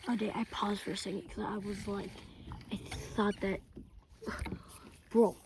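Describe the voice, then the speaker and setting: A young woman fishing from a kayak outdoors, chatting excitably to a mounted camera, swearing casually and often dropping to a murmur. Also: medium pitch, unhurried, noisy background. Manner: chatty and excitable, swears and says bro a lot. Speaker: fishing vlogger. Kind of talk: casual running commentary while fishing.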